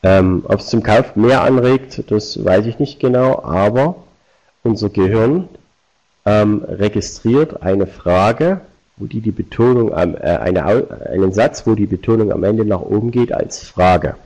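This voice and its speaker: A man's voice: on the low side, measured pace, a little mellow, low-quality recording. A man presenting a live online seminar, explaining points directly to his viewers. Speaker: webinar presenter.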